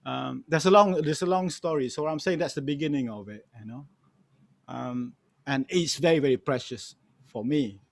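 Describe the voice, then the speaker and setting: On a panel, a middle-aged Malaysian-accented music archivist and guest storyteller spins casual, emphatic anecdotes, repeating phrases and dropping "you know" often. His mid-range voice carries vocal fry and moves at normal speed.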